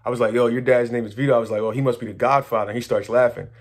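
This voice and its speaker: A man talking casually to his viewers, rambling excitedly through a story with slang, swearing and many restarts. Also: medium pitch, very fast. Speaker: manifestation coach.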